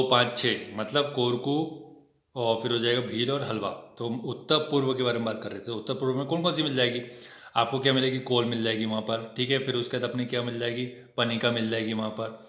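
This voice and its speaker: Guy going through test answers fast and chatty, bright sharp voice, echoey room. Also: mid-range voice. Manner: brisk, chatty explaining with frequent "ठीक है" check-ins. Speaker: exam coaching teacher. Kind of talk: test discussion lesson.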